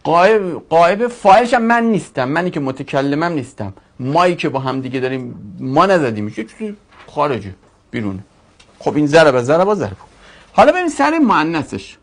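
Gravelly man teaching a grammar class. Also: a little high, sing-song. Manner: drills word forms slowly, stretching each syllable; asks the class questions and answers them himself.

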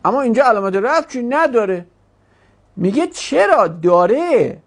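Animated, gravelly-voiced grammar teacher. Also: mid-range voice. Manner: questioning, drawn-out explaining. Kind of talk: classroom grammar lesson.

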